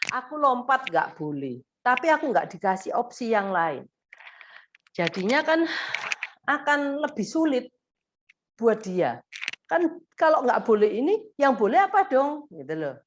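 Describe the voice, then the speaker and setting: A woman therapist giving gentle advice to parents in a live question-and-answer session, thinking aloud as she goes. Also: medium pitch, lo-fi sound.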